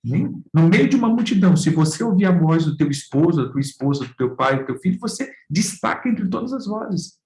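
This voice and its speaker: A man's voice: fairly high pitch, lively intonation, fairly quick, hardly any pauses, darkish tone, echoey room, rough recording. A man with a Brazilian Portuguese accent preaching a sermon, firing off rhetorical questions and calling his listeners brothers and dear ones. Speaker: pastor.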